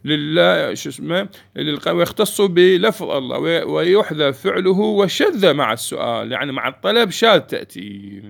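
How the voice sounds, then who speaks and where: A man's voice: fairly high pitch, expressive, moderate pace, vocal fry. A man teaching a grammar lesson, explaining step by step and answering his own questions to the class.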